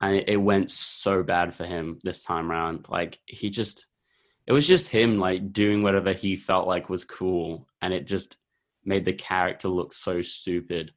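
A young man with a deep, low-pitched voice. He talks in a loose, laid-back ramble, full of ums and likes, as he chats about films. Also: steady tone, unhurried. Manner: rambling, laid-back, heavy use of filler words. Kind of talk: casual chat about films.

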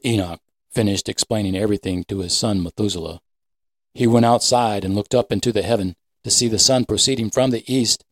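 A man narrating a scripted story with a measured, steady delivery. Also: lowish voice, no echo.

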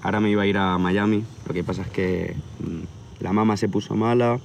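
His voice sits low and gravelly and moves fairly quickly as this tattoo artist, about thirty and from near Barcelona, Spain, chats in a relaxed, rambling, hesitant outdoor interview. Crickets, outdoor ambience and slight background noise surround the hilltop viewpoint at sunset.

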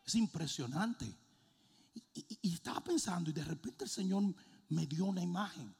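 A middle-aged man, a pastor, preaching a sermon with a comic story, animated, swinging from low asides to shouting and mixing in English words. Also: moderate pace, gravelly, slightly rough, long reverb tail.

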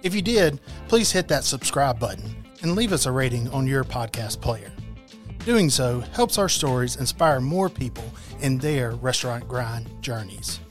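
A man's voice: mid-range voice, expressive, moderate pace. A man hosting a podcast, giving an upbeat scripted sign-off at the end of an episode. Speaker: podcast host. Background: music.

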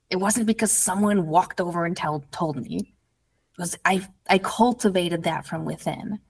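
On a podcast interview, a woman who works as an addiction recovery coach tells her story earnestly and casually, saying "like" constantly. Her voice sits on the low side with a darkish tone.

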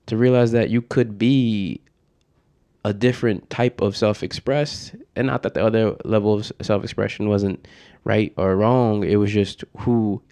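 A young man from Connecticut talking candidly as a podcast guest, laughing often and getting animated when he quotes people. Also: mid-range voice. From Connecticut, USA. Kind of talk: casual reflective conversation.

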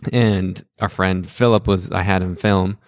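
A young man from Utah, a podcast guest telling a story in a relaxed, rambling way with many fillers. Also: low-pitched, measured pace, no echo, studio quality. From Utah, USA. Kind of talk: casual conversation.

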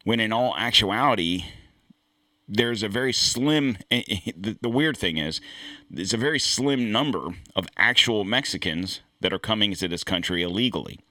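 Blunt rambling man, bright tone. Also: lowish voice, animated, normal speed, no room sound. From United States. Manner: rambling, restarts often, blunt and profane. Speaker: podcast host. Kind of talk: casual political commentary monologue.

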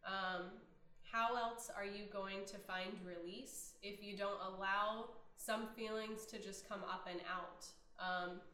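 A woman talking in a gentle, reflective way in a casual podcast chat, pausing often with "um". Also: medium pitch. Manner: reflective, gentle, many "um" pauses. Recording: roomy echo.

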